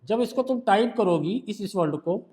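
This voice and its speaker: High-voiced male shorthand tutor. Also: lively intonation, normal speed, a little mellow. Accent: Hindi. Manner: patient, quizzing the student with questions. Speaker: shorthand teacher. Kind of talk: one-on-one tutoring.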